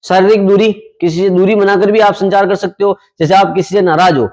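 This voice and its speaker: High-voiced man teaching a class. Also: fairly even intonation, fairly quick, darkish tone. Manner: asks the class questions and answers them himself; speaks in a conversational, explanatory way. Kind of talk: classroom lecture explaining exam topics.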